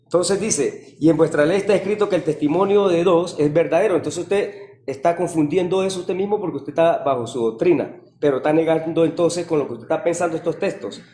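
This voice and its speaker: A man's voice: on the high side, a little fast, warm tone, roomy sound. A man, a pastor, answering in a religious debate, hesitant at first and citing scripture to defend himself.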